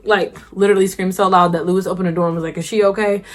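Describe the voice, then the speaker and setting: Animated young woman telling a story. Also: rapid-fire. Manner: animated, acts out quotes with big pitch jumps. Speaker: vlogger. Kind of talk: casual storytelling.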